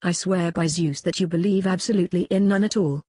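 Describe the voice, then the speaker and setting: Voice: mid-range voice, fairly even intonation, a little fast, dark tone, slightly rough, no echo, clean studio sound, natural voice. A reader voicing a blunt, stubborn accuser. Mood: insistent. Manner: curt, insistent answers. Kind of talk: dramatic reading of a classical dialogue.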